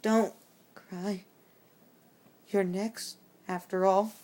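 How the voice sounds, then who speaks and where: A man voicing a sweet female pony turned sinister, singing a soft, slow lullaby. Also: high voice, little pitch movement, pitched above the performer's own voice. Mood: menacing.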